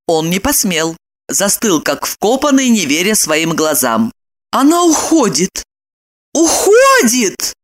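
A woman reading a novel aloud as an audiobook narrator, in an expressive, dramatic storytelling manner. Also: medium pitch, slow.

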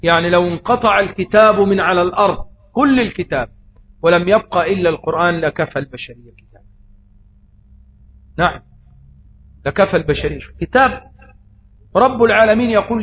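A man's voice: high-pitched, a bit bright. A man with an Egyptian accent giving a religious lesson, posing rhetorical questions and answering them himself. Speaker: preacher. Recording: slightly dull audio, faint noise.

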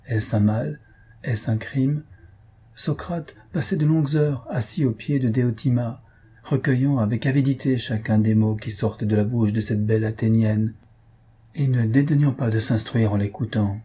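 Guy doing a shy lovesick young man, earnest, very husky dark voice. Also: medium pitch, normal speed, lightly acted. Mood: pleading. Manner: earnest, pleading. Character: timid, sentimental young man.

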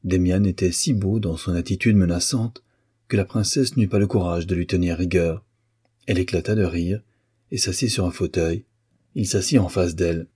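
A man reads classic fiction aloud in a measured, even narrating voice. His tone is very deep and dark with a husky grain. The recording is dry and close, with no room around him. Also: no echo. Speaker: audiobook narrator. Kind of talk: literary audiobook narration.

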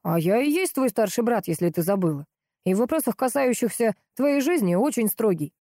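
A woman reading aloud plays a strict older brother, a young man who questions his sister with stern insistence. The tone is mellow and warm, recorded dry and close for an audiobook. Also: fairly high pitch, animated, brisk, no echo, voice pushed up.

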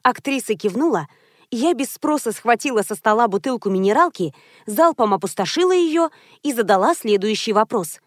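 A woman narrates a novel in the first person, telling the story in an even, measured way. Her voice sits fairly high, and the recording is dry and close, with no room sound. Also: no room sound. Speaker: audiobook narrator.

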